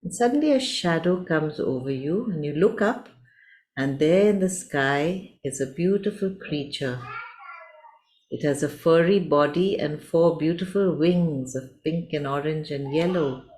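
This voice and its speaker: A woman telling a gentle story for families, slowly and tenderly addressing the listener directly. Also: sits low, a little hiss or hum. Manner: slow, warm, addressing the listener as you.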